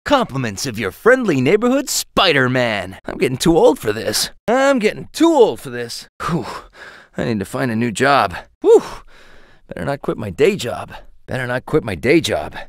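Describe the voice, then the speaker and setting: A man voicing a cocky, upbeat young superhero in a video game, with an American accent and a quippy, animated way of talking. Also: medium pitch, moderate pace, no room sound, clean studio sound. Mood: cocky, playful. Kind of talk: video game voice acting, quips and hints.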